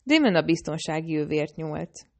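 A woman narrating a novel in the first person, reading in a steady, measured way. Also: deep voice. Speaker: audiobook narrator.

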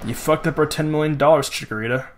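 A man's voice: a little high, fast talker, a little hiss or hum. A young man hosting a let's play, rambling casually with lots of "like" and frequent swearing. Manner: rambling and profane, heavy use of "like". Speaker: gaming channel host. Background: game music.

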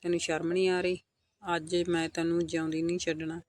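High, even-toned man narrating a story. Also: a little fast, a little hiss or hum. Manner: steady, earnest retelling of family drama, voicing all quotes. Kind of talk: scripted first-person story narration.

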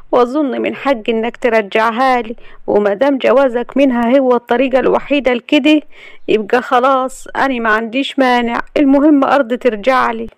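A woman's voice: high voice, a little mellow, no room sound, voice pushed up. A woman voicing a frightened young woman with an Egyptian accent, who pleads in a trembling, breathless way.

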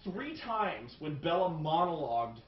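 Male review host, raised pitch, profane riffing, distant roomy recording. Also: unhurried. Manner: animated, profane, riffing rants. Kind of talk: casual group film review. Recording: roomy, distant, dull sound.

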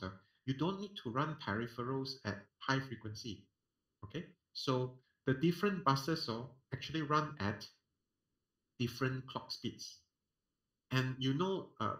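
A man's voice: mid-range voice, a bit bright. Singaporean male lecturer in an echoey room. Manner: colloquial, uses sentence-end particles, poses and answers own questions. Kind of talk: explanatory technical lecture over screen share. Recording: roomy, echoing online lecture audio.

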